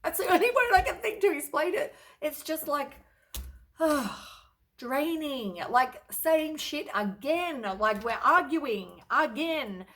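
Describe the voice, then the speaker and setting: A woman's voice: high-pitched, big pitch swings, slow pace, fairly bright tone. A woman doing a casual tarot reading to camera, blunt and exasperated, with lots of sighs and casual swearing. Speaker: tarot reader.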